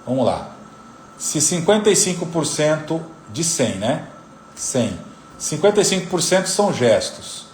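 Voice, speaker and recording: A man's voice: a little high, unhurried, slight background noise. A man, a psychoanalyst, giving a live talk on parenting, teaching by repeating the key figures. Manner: didactic, repeats figures, lively intonation.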